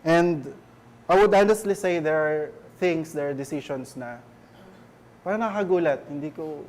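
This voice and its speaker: A man's voice: a little high, normal speed, darkish tone, a little hiss or hum. A man with a Filipino accent preaching a conversational church sermon, often checking in with rhetorical questions. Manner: chatty, keeps asking rhetorical tag questions.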